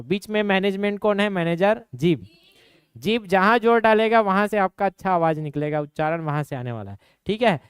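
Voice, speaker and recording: A young man from Chhattisgarh, India, with a Chhattisgarhi accent leads an exam coaching class in a high, clear, resonant voice carrying a slight nasal ring. He asks quick questions, answers them himself and sometimes uses regional dialect; there is no echo.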